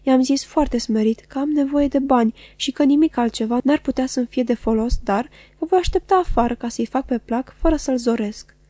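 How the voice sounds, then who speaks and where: Woman audiobook reader, mellow dark tone, fairly high pitch, dry close sound. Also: no echo. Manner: measured, even reading. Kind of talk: scripted literary narration.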